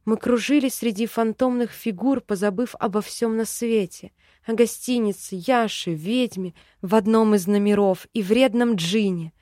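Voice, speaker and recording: Brief: female audiobook reader, expressive, average pitch, dead-dry booth. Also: moderate pace, no echo. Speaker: audiobook narrator. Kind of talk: scripted first-person narration.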